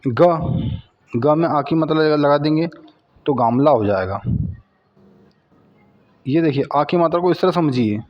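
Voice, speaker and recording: Slow, patient male Hindi teacher. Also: a little high, highs cut off. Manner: slow, patient, repeats words and syllables. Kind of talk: slow children's Hindi spelling lesson.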